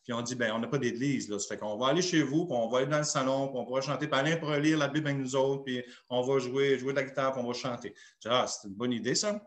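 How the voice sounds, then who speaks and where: A man's voice: medium pitch, steady tone, quick pace, few pauses, echoey room. A man with a Québécois French accent, a pastor telling a personal story in a sermon and acting out the dialogue. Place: church.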